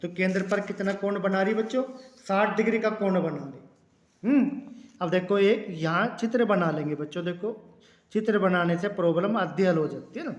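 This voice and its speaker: High-voiced male math teacher, echoey room. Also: moderate pace. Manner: explains step by step, addressing the students as "children"; repeats key words, clears throat now and then. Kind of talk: classroom math lesson.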